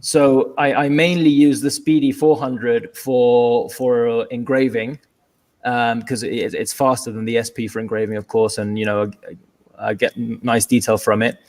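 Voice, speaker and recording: A man with a British London accent, speaking on a video call as an interview guest. He talks in an easygoing, unhurried way, stopping often on fillers. A dry, wry humor runs through his answers. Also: mid-range voice. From England. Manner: relaxed, hesitant with many ums, wry humor. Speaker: guest, furniture maker.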